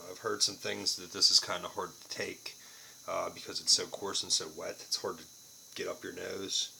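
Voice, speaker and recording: A man's voice: low-pitched, level tone, normal speed, gravelly, pushed and bright, slight background noise, rough recording. A man giving a casual, unscripted product review to camera, plain-spoken and casually profane.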